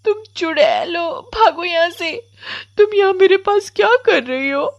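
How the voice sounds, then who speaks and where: A woman's voice: high voice, fairly even intonation, normal speed, dry recording, dull audio, pitched above the performer's own voice. Woman doing a tearful timid young girl. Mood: fearful. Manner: tearful, pleading.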